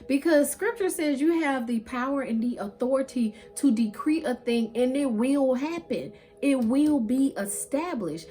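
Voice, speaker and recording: Emphatic woman giving a motivational talk. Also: on the high side. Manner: emphatic, preachy encouragement with personal anecdotes and repeated phrasing. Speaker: host, motivational speaker. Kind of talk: motivational talk to camera, casual and direct.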